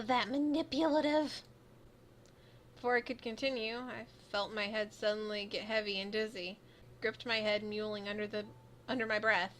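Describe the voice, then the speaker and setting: A young adult woman streamer reading a visual novel aloud, expressive as she voices the heroine and reacts. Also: mid-range voice, slight background noise.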